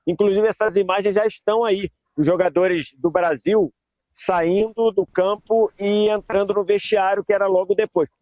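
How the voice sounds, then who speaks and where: A high-voiced man speaks to a sports panel as a reporter back from the stadium. He tells what he saw slowly and thoughtfully. The sound is dull and close, with no room echo. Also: steady tone. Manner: slow, reflective storytelling. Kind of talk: debate panel commentary.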